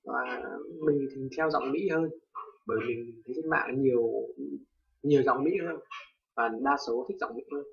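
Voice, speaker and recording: A young man from Vietnam with a Vietnamese accent, casually teaching English pronunciation, hesitant with many fillers and loudly repeating example words. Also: mid-range voice, moderate pace, creaky. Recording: distant lo-fi home recording.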